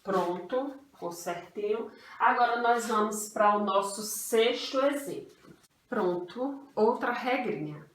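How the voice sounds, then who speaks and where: A woman's voice: fairly high pitch, expressive, a little hiss or hum. A Brazilian woman teaching an online grammar lesson to young children, patient and repetitive, calling herself "tia". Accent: Brazilian Portuguese. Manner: patient, refers to herself as "tia", repeats rules slowly. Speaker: primary school teacher. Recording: echoey room, voice from a distance.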